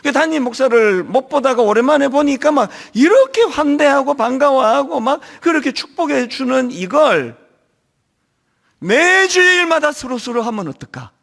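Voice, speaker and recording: A middle-aged man preaching a sermon as senior pastor, telling stories in an animated way with a touch of a lingering cold. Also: extremely high pitch, moderate pace, creaky. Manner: animated storytelling, acting out quoted voices. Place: church.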